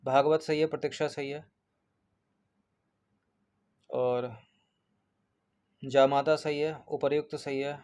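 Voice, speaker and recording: Brief: male exam coach, monotone delivery, walks through answers item by item and repeats them. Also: medium pitch, slow, long pauses. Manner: explains point by point, repeats answers, checks in with 'ठीक है'. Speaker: exam prep teacher. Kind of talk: exam paper walkthrough.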